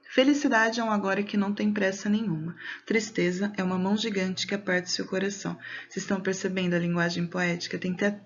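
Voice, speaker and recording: A woman's voice: medium pitch, muffled recording. A woman with a Brazilian Portuguese accent, teaching a recorded video lesson from home and patiently explaining each step to children. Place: home during quarantine.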